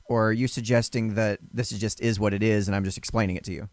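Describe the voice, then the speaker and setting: A man hosting a casual debate, pressing questions in a halting way and repeating his words. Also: on the low side, fairly even intonation, dry recording, clean studio sound. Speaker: host.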